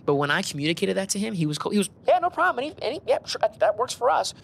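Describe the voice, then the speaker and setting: Talking very fast in a high, gravelly voice with a breathy edge, a male air traffic controller trades stories in an informal interview. He uses slang freely and animatedly performs snippets of radio dialogue.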